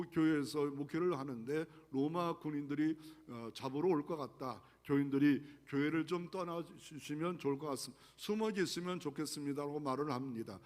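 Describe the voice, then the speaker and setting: A man's voice: on the high side, a little mellow. A man pastor delivering an earnest sermon, asking the congregation rhetorical questions. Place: large church sanctuary. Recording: long church hall reverb.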